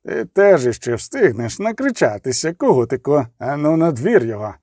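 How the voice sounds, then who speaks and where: A man's voice: fairly high pitch, sing-song, normal speed, dry recording, clean studio sound. A man putting on snarling furious young knights. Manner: snarling, shouting insults. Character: furious brutish young knights, male brothers.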